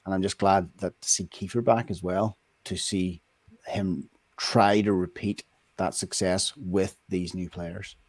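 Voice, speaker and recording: A man's voice: low-pitched, steady tone, unhurried, dry recording. A man co-hosting a podcast, easygoing and teasing in casual chat. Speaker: podcast co-host.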